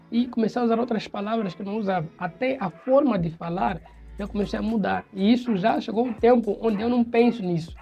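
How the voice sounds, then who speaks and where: A man's voice: sits high, creaky, warm tone, highs cut off. A man from Mozambique with a Mozambican Portuguese accent, giving opinion commentary on his channel in an explanatory way. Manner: explanatory, imitates accents in quoted examples.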